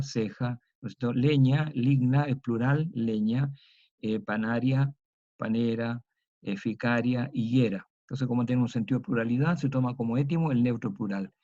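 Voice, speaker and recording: A man with a Chilean accent giving a recorded lecture, explaining slowly and repeating words for emphasis. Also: medium pitch, dark tone, no room sound, dull audio. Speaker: teacher.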